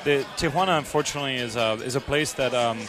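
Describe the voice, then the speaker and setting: A man with a French accent talks earnestly as a guest on an interview show, his sentences full of ums and restarts. His pitch sits mid-range for a man. Music plays clearly behind him throughout. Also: fast talker. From south of France. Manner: earnest, many fillers and restarts. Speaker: guest, charity supporter and restaurant owner. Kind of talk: conversational interview. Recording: music playing underneath.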